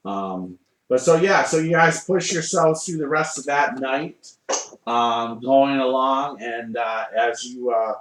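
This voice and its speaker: A man running a tabletop game as game master, improvising narration haltingly as he searches for words. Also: medium pitch, a bit bright. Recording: echoey room.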